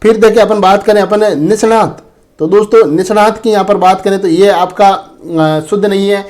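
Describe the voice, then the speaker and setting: A man's voice: sits high, normal speed, darkish tone. A man teaching an exam-prep lesson on spelling. He talks in a repetitive way and keeps calling his viewers friends and brother. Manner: repetitive, addresses viewers as friends and brother, often says "dekhen".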